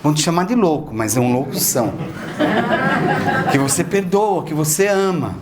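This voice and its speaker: A man's voice: fairly high pitch, lively intonation, normal speed, very noisy. A man giving a spiritual lecture, talking conversationally and asking the audience questions. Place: lecture hall of a spiritist association.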